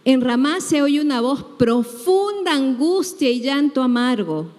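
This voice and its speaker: A woman from Peru preaching a sermon, animated and acting out the voices of people she quotes. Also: high voice, unhurried. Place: church hall. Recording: hall reverb.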